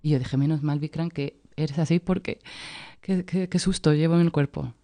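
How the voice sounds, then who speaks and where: Gravelly, animated woman. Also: sits low, normal speed, no echo. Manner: animated, acts out quoted dialogue. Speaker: yoga teacher, co-host. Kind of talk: casual conversational storytelling.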